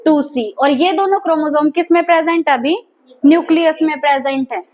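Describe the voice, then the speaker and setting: A woman's voice: high voice, brisk, darkish tone. A woman teaching a biology class, asking her students questions and repeating their answers. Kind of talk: classroom lecture.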